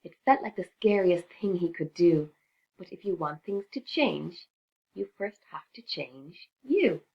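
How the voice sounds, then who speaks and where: A woman reading a rhyming picture book aloud to children in an expressive, sing-song teacher's way. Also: fairly low pitch, unhurried, creaky, lo-fi sound.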